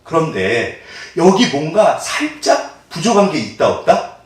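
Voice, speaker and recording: A middle-aged pastor preaches in a church sanctuary, animated and laughing often as he quizzes the congregation with call-and-response questions. His voice is a little high at a measured pace, picked up by a distant mic in an echoey hall.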